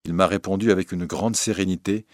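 A man's voice: low-pitched, fairly even intonation, fairly quick, no echo, studio quality, lightly acted. A man voicing a frightened, earnest young woman singer in a read-aloud storybook, with a raised, breathless pleading tone. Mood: confiding. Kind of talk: audiobook reading.

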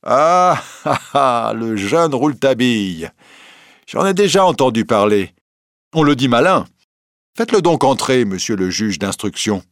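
A man voicing a brisk middle-aged police chief in an audiobook reading, curt and questioning. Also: mid-range voice, very animated, no room sound, clean studio sound. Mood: amused.

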